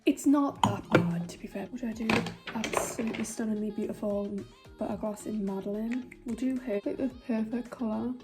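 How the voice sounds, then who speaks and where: A woman's voice: fairly high pitch, moderate pace, music in the background. A young woman with a Geordie accent chatting in a rambling, self-mocking way while doing her makeup for a vlog. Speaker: beauty vlogger.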